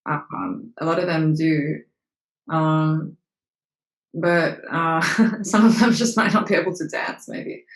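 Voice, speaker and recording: In a candid interview, a young actress and model from Australia speaks frankly, with casual swearing and lots of fillers. She has a lowish, fairly bright voice, and the room echoes noticeably.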